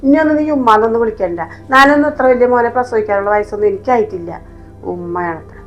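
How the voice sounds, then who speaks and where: A woman's voice: on the high side, quick pace, highs cut off, soft background music, close to an everyday voice. A woman playing a harsh, sarcastic stepmother in an amateur family short film. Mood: scornful. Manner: scolding, scornful, sarcastic.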